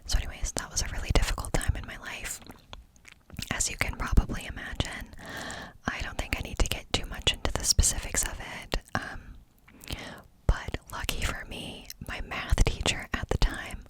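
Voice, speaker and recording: A woman's voice: moderate pace, low-quality recording. A woman ASMR host telling a personal story in a confiding, candid, cupped-hand whisper, close up.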